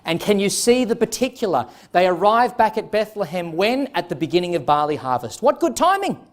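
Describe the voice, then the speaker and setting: A man's voice: high-pitched, animated, a little fast. A man preaching an expository sermon as a pastor, earnest and emphatic, putting direct questions to his listeners.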